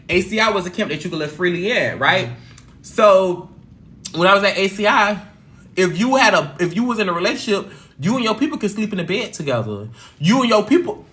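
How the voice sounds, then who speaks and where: A woman hosting a casual livestream chat, telling stories in an expressive, animated way. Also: lowish voice, roomy sound. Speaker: livestream host.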